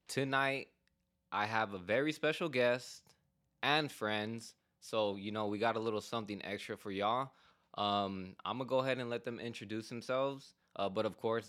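A young man hosting a casual podcast, chatting in loose, slangy banter with his friends. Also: on the low side. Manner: laid-back slangy banter. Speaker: podcast host. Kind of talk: casual chat.

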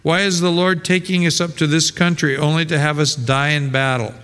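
Male pastor, sermon, slightly high voice, rhetorical questions, long reverb. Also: fairly even intonation, a little fast, a bit bright, clear, resonant tone. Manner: conversational preaching with rhetorical questions and repetitions.

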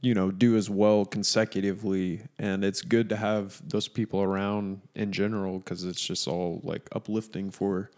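A man co-hosting a podcast, talking in a relaxed, reflective way and hedging with fillers. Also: sits low, moderate pace, hardly any pauses. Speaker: podcast co-host. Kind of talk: casual chat.

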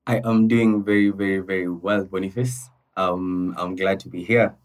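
Kenyan guy on a podcast, deep voice, hesitant and polite, sounds a bit away from the mic. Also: steady tone, moderate pace, far from the mic. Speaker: podcast guest. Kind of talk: conversational interview answers.

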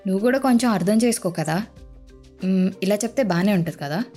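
A woman's voice: mid-range voice, animated, a little fast, dark tone, faint music behind. A young woman hosting a podcast, talking straight to the listener in a playful, self-mocking monologue and acting out her anxious inner thoughts, with English phrases mixed in. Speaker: podcast host.

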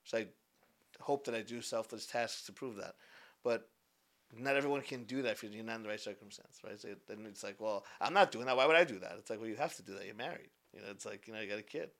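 Bright-voiced young man, animated talker. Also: on the low side, fast, vocal fry. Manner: animated, repeats himself, acts out quoted people. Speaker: podcast guest, business founder. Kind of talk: casual podcast chat.

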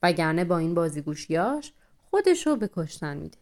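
A woman's voice: on the low side, very animated, a little mellow. A woman voicing a stern male wolf leader who speaks firmly.

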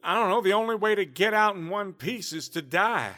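A man's voice: sits high, expressive, fairly quick, bright, forceful tone. A man playing a foul-mouthed rogue villain with a conscience, blunt and colloquial, in an audio drama. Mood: uneasy.

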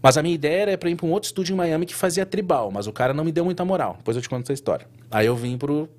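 A man's voice: a little high, racing. Slangy man telling a story. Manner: animated, slangy, frequent restarts and fillers. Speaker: tattoo artist guest. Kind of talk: casual storytelling in an interview.

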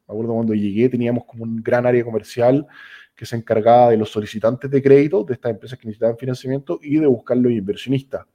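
A young Chilean man with a Chilean accent, a startup co-founder talking casually as a guest, halting and restarting his sentences often. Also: medium pitch. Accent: Chilean Spanish. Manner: relaxed, halting, many restarts and fillers. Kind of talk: casual conversational interview.

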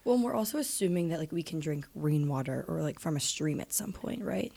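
A woman's voice: low voice, animated, fairly quick, vocal fry, mellow. A young woman co-hosting a casual podcast, easygoing and giggly, on a home computer mic. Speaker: podcast co-host. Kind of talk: casual chat. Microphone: home computer mic with headphones.

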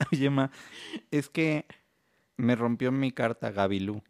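A man's voice: mid-range voice, huge pitch swings, slow pace, no room sound, clean studio sound, full character voice. A man voicing a curious six-year-old boy who keeps questioning his mom. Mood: sulky. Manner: childlike, whiny questioning.

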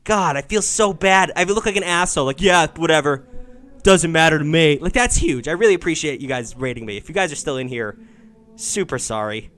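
A man's voice: fairly high pitch, fairly quick. A young man hosting a live stream, chatting casually with his audience and callers, swearing and joking as he reacts. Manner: animated, swears, jokes with chat, reacts loudly. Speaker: streamer taking calls.

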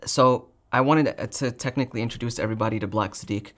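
A man hosting a casual video discussion, informal and halting as he works toward his questions. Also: mid-range voice, fairly bright tone. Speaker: video host, interviewer. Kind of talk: casual chat.

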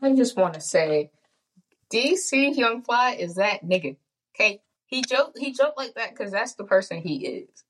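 A woman's voice: a little high, expressive, measured pace, a bit bright, a little hiss or hum. A young woman co-hosting a podcast in casual chat, joking and slangy, often laughing. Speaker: podcast co-host.

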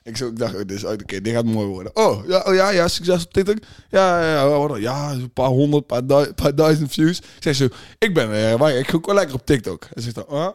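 A man's voice: medium pitch, expressive, a little fast, few pauses, a little mellow. A man co-hosting a casual podcast, telling a story in a rambling way full of restarts and fillers. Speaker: podcast co-host.

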